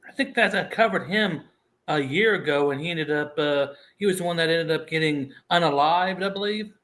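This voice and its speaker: A man co-hosting a podcast in casual chat, speaking in a measured way with dry, sarcastic remarks. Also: fairly high pitch, a bit bright. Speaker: podcast co-host.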